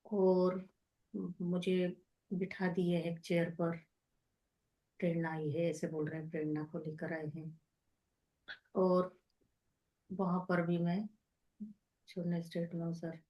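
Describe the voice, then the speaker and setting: Woman, soft-spoken, mellow low voice, personal meditation account, video call. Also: little pitch movement, slow pace, pauses often, poor audio. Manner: soft-spoken, narrates in present tense, addresses the teacher as sir. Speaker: meditation participant sharing her experience.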